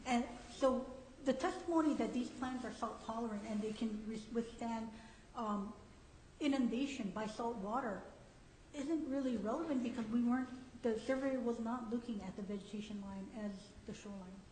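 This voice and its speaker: A woman's voice: fairly high pitch, normal speed, darkish tone. A woman attorney answering judges in oral argument, insistent and repeating words as she goes. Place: echoey courtroom. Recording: echoey room, faint noise.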